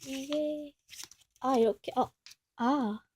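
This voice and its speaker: Young woman vlogger, high mellow voice, chatty and gushy, unboxing stuff at home. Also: very slow, a little hiss or hum. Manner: chatty, gushing and excitable, talks to herself. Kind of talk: casual unboxing chat.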